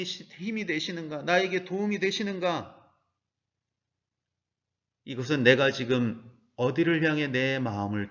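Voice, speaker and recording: A man's voice: on the high side, a bit bright, highs cut off. A man preaching a sermon as pastor, earnestly asking his listeners rhetorical questions.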